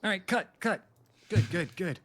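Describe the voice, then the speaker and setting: This man's animated, high voice is a bit bright and runs at normal speed as he hosts a game roleplay, acting as an interviewer. His talk wanders chattily and breaks into panicky, comic yelps.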